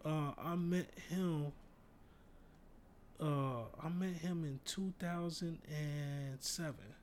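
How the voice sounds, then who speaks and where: A man with a slightly high voice, telling laid-back stories in a casual chat. He talks in heavy slang and swears freely. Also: steady tone, slow, slight background noise. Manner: laid-back storyteller, laughs through his punchlines. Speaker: podcast co-host.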